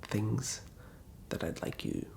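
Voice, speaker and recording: A man in a hushed, breathy ASMR whisper, gently giving guided relaxation instructions with many pauses. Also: slight background noise. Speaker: ASMR host.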